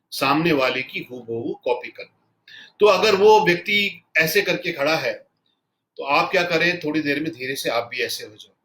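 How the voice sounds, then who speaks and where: A man teaching a spoken tutorial on building rapport. He talks fast and loud, in Hindi mixed with English words. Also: a little high. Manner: fast, loud and animated, says so himself. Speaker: NLP trainer.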